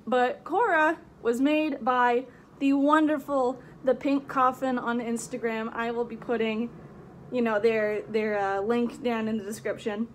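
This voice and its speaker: A woman's voice: fairly high pitch, steady tone, measured pace, slight background noise. A woman chatting casually in a vlog, giggly and rambling, her voice muffled inside a costume head. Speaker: vlogger.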